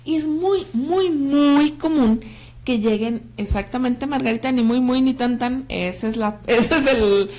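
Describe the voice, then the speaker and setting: A woman with a Mexican Spanish accent hosting a talk show, animated and joking, greeting viewers by name. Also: sits high, measured pace. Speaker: host. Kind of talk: lively talk show chat.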